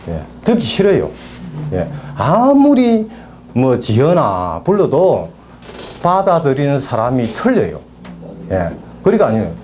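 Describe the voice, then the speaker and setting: A man's voice: mid-range voice, wildly swooping pitch, unhurried, darkish tone, a little hiss or hum. A middle-aged man with a Gyeongsang Korean accent, telling stories from his work as a naming consultant in casual talk. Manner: storytelling with rambling asides.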